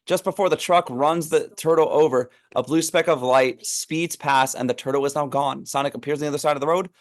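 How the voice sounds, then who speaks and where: A man's voice: on the high side, steady tone, a little fast. A man narrating a script read, reading stage directions aloud in an informal, amused way.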